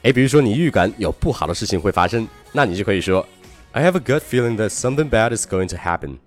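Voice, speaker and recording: An upbeat man teaches English on his podcast, his lowish voice bouncing up and down. He talks quickly, then slows to spell words letter by letter. Faint music plays underneath.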